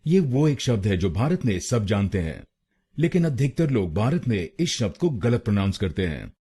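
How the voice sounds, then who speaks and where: Male Indian pronunciation tutor, lively pitch, drills words syllable by syllable. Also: breathy edge. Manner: slow, deliberate, repeating words syllable by syllable. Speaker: pronunciation teacher. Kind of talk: Hindi pronunciation lesson.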